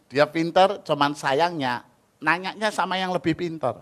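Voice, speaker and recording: Indonesian guy preaching, bright forceful voice a bit high, loud bursts then soft asides. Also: moderate pace. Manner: animated storytelling, shouting peaks and sudden soft asides. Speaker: pastor. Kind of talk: sermon. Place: church hall.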